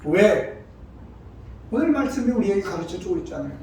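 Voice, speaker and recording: High-voiced preaching man in an echoey hall. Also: sing-song, moderate pace. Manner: emphatic, acts out quoted voices with sudden loud rises. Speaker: pastor. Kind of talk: sermon. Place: church sanctuary. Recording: very echoey hall, mic far off, faint background noise.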